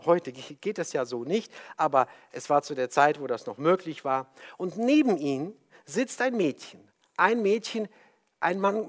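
Ein Prediger hält eine Predigt, spricht die Zuhörer direkt und eindringlich an und erzählt eine Geschichte. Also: mid-range voice. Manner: warm, exhortative, direct address to listeners. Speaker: preacher. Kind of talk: sermon.

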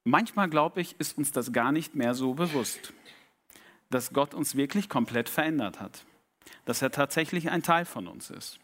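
A man preaching a sermon, reflective and intimate, often dropping to a soft low voice and asking the congregation direct questions. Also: lively intonation, moderate pace.

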